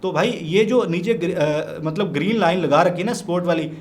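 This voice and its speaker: A man's voice: high voice, normal speed. A man from Pakistan, walking through trading charts as a teacher, chatty and repeating his points while he keeps calling the viewer brother. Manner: repeats points to drive them home. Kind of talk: chart walkthrough tutorial.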